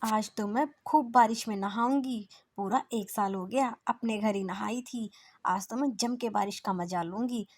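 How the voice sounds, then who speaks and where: A woman voicing a cheerful, eager young bride in a storybook tale, speaking brightly and quickly. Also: medium pitch, lightly acted. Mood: thrilled.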